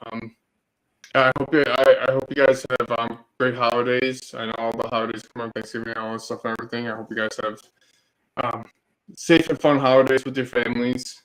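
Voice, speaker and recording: A man's voice: mid-range voice, completely flat delivery, fairly quick, a bit bright, rough recording. A man co-hosting a podcast remotely, speaking in a laid-back, slangy way and saying "dude" and "you know" a lot. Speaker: podcast co-host. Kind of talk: casual chat over a call.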